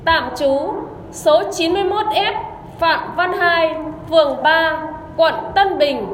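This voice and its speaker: A woman reading a formal, measured official announcement as a commune radio announcer over a public loudspeaker. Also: very high voice. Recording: echoey loudspeaker, long reverb, background noise.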